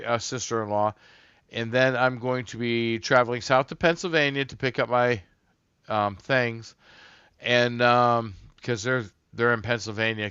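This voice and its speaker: A man's voice: mid-range voice, a bit bright, clean tone, no room sound, lo-fi sound. Rambling, slightly tipsy man chatting on stream. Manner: rambling, loose and profane, talks to chat. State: a bit tipsy from beer. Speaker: livestream host. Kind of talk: casual livestream chat.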